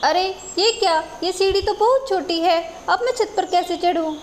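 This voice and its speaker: A curious little village girl, voiced by a woman, in a children's storybook. She chatters with excited wonder in a very high voice, over a faint hum of ambience. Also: normal speed.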